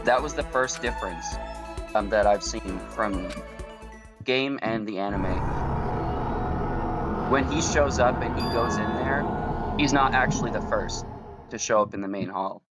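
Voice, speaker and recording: A man's voice: on the low side, measured pace, pauses often. A man chiming in on a game stream with trivia and dry wisecracks, sometimes tripping over his words. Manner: chimes in with trivia and wisecracks, some stumbles. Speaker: co-commentator. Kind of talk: casual gaming commentary. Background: game music.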